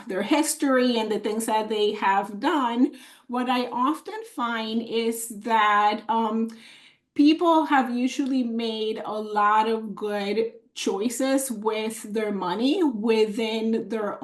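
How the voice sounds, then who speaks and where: Woman from the Dominican Republic, financial coach on a video call, slightly high voice, slow and encouraging, lots of fillers. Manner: warm and encouraging, with frequent fillers and restarts. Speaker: financial coach and workshop presenter. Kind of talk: online workshop presentation. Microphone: computer mic on a video call.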